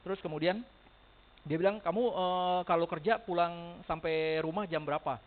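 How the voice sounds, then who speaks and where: A man telling lively stories to a sales team as a motivational speaker, acting out dialogue and laughing often. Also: sits high, moderate pace. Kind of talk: storytelling talk to a sales team. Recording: tinny phone-like sound.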